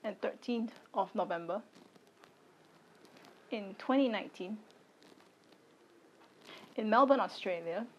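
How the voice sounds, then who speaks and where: In a recording with the highs cut off, a Singaporean woman in her late twenties who creates content speaks to the camera in a typical female pitch. She delivers her personal statement in short phrases, measured, firm and deliberate.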